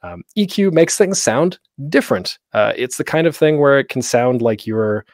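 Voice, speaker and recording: A man hosting a convention panel as an online presentation, explaining with frequent um fillers and sometimes speaking in a deliberately staccato way into a gated desk microphone. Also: medium pitch, lively intonation, a little mellow, dry recording, clean studio sound. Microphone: desk microphone with a noise gate.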